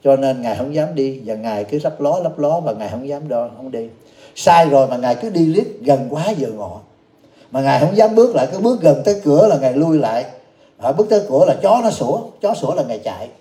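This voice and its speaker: A man's voice: mid-range voice, expressive, brisk, warm tone, echoey room. A man, a Buddhist monk who gives a storytelling dharma talk and acts out the characters.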